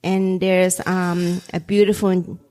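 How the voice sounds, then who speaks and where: A restaurant owner whose first language is Vietnamese chats in a casual interview, with frequent ums and easy laughter. Her lowish voice is warm, delivered flat and slowly, with a little hiss or hum in the recording.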